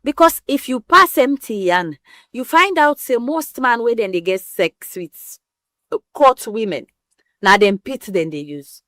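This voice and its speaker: A woman's voice: fairly high pitch, fairly bright tone, no echo, studio quality. A woman with a West African Pidgin English accent explains things frankly and emphatically in an interview, using everyday comparisons. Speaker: interview guest explaining women's health.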